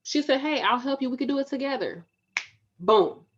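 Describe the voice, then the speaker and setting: A woman's voice: sits high, lively intonation, normal speed, muffled recording, a little hiss or hum. A woman in her thirties giving a casual, motivational talk straight to her viewers, emphatic and repeating lines to urge them on. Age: 30s. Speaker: spiritual vlogger. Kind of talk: motivational direct-to-camera talk.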